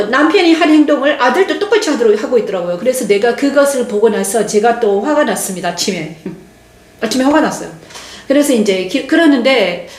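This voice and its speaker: An older woman pastor giving a testimony sermon, speaking slowly and haltingly with many restarts and pauses. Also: fairly high pitch. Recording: echoey room.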